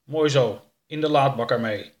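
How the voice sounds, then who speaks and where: A man's voice: medium pitch, moderate pace, lightly acted. Man voicing a bossy middle-aged male boss, curt orders, storybook. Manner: commanding, curt. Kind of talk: audiobook character voice.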